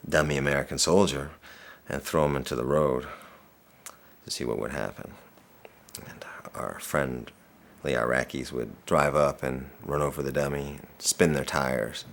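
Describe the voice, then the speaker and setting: An actor playing a soldier with a dark sense of humor, bitter and profane. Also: male voice, very deep voice, normal speed, creaky. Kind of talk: dramatic monologue.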